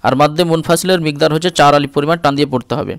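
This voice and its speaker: A man with a slightly high, smooth and resonant voice leads a patient Quran reading lesson. He spells out each letter and vowel mark, then chants the words in a drawn-out way, checking in often with his learner. The sound is dry and close, with no room around it. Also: no room sound. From India. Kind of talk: step-by-step recitation lesson.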